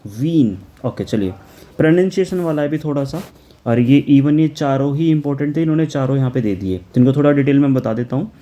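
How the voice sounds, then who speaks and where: Mellow-voiced man teaching German exam prep. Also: fairly high pitch. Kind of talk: exam prep lesson explaining answers.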